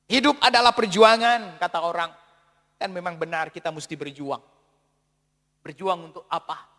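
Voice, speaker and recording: A pastor preaches emphatically, his very high voice bright and forceful. He repeats words and swings from soft asides to shouts. A long hall echo trails his voice. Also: normal speed. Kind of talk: sermon. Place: church hall. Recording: long church hall reverb.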